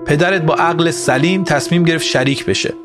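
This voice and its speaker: A man's voice: lowish voice, close to an everyday voice. A man voicing a middle-aged husband who pleads and defends himself in an audio story, over music. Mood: defensive. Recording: music bed behind voice.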